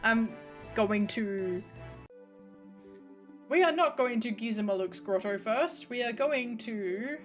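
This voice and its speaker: A woman's voice: a little high, animated, slow pace, long pauses, faint music behind. A woman game streamer chatting casually through her playthrough.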